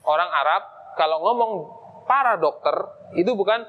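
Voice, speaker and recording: A man's voice: high voice, expressive, normal speed, bright, forceful tone, slight background noise. A man teaching an Arabic grammar lesson in a mosque, explaining casually and asking himself questions aloud as he goes.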